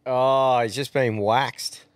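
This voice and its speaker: A man's voice: mid-range voice, steady tone, slow pace, smooth, no echo, studio quality. A man with a broad Australian accent hosting a casual chat, laid-back, slangy and sweary. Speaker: podcast host.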